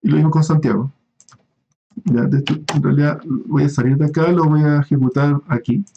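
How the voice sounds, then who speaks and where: Lecturer, slightly high voice, dull audio. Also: male voice, steady tone, a little fast, gravelly, mellow. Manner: explanatory, many fillers and restarts, checks in with "¿ya?". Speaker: university lecturer. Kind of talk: recorded online class lecture.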